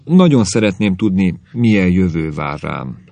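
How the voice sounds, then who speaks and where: A man's voice: deep voice, big pitch swings, gravelly, mellow, no room sound, heavily acted. A man reading aloud, voicing a timid, wide-eyed young woman who stammers eagerly. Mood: stammering.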